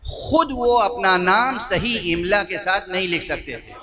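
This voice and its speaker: A man's voice: sits high, noisy background. A middle-aged man preaching a sermon as a cleric, repeating phrases for emphasis and putting rhetorical questions to his listeners. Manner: rhetorical questions to the audience, emphatic repetition, slows down to stress words. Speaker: Shia cleric giving a majlis sermon.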